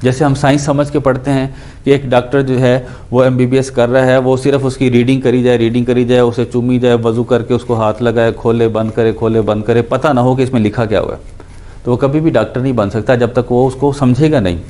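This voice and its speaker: A Quran and Arabic grammar teacher, male, delivers a grammar lesson in a mellow, level tone at average pitch. His explanation proceeds stepwise, with every verb form repeated in the drill and English words woven into the teaching.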